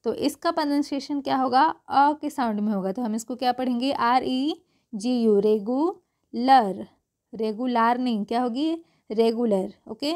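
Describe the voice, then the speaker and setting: A woman teaches English pronunciation, her voice sitting a little high. She stretches out each spelled letter and keeps checking in with the learner through rhetorical questions and a steady stream of "okay". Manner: slow, drawn-out spelling of letters. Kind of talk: explaining pronunciation rules.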